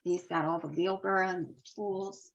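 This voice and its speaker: A woman teacher reading a picture book aloud to young children, with expressive storytelling and friendly asides. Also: on the low side, moderate pace, creaky, muffled recording.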